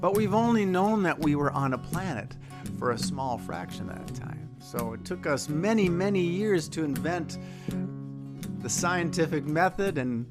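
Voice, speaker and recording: An American singer-songwriter from Minnesota, appearing as a guest performer on an online video stream, chats conversationally while introducing a song and leading a sing-along. He speaks at a moderate pace with lively intonation in a voice on the high side, while an acoustic guitar is strummed and tuned behind him.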